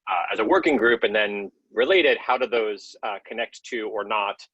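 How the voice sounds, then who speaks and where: A man's voice: on the low side, moderate pace, pushed and bright, breathy edge, no room sound. A man in a casual video-call meeting, talking with many fillers while he eats breakfast. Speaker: working group participant. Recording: dull lo-fi call audio.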